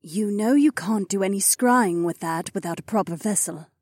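A sharp, protective mage woman, played by a male narrator. He lifts his voice well above his own and keeps her clipped and scolding. The voice is a little breathy and the recording is dry. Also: high-pitched, moderate pace, no room sound, voice pushed up. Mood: stern, worried. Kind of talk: audiobook character voice.

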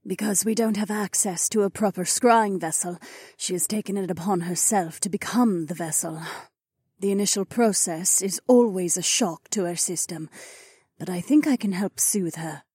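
A man's voice: high voice, moderate pace, a little mellow, breathy edge, dry recording, studio quality, pitched above the performer's own voice. A man doing a stern, scolding mage woman. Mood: stern, worried. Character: stern ibex woman mage, sharp and protective. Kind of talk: audiobook character voice.

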